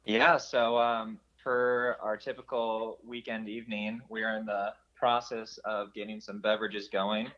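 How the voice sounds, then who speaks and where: A man from Michigan joining a casual podcast chat as a guest over a remote call, relaxed and easygoing. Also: fairly low pitch, measured pace, few pauses, lo-fi sound.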